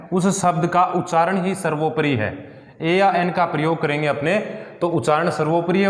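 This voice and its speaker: A male teacher explaining grammar step by step, often checking in with his class and asking rhetorical questions. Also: fairly high pitch. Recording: echoey room with long reverb.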